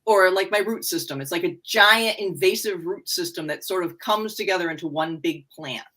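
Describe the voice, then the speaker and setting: Bright-voiced woman rambling on a video call. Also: fairly low pitch, normal speed, poor audio. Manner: rambling, restarting sentences. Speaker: romance and mystery author. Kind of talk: casual video chat.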